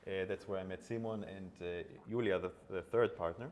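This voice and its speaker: A man from Israel, an animation studio co-founder, speaking on a panel in a measured way that trails off softly at phrase ends. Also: low voice, fairly even intonation. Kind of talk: panel talk. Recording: long hall reverb, faint background noise.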